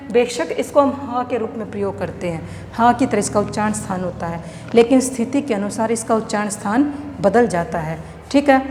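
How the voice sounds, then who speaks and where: A woman with a Haryanvi accent teaching a grammar lesson, explaining step by step and often checking whether it is clear. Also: on the high side, a little mellow. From India. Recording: echoey room with long reverb, faint noise.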